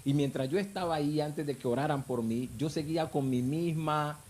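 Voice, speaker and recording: A man's voice: fairly high pitch, moderate pace, a little mellow, a little hiss or hum. A married man, telling his personal faith testimony in a fervent, emotional way. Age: adult, married with children. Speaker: guest giving testimony.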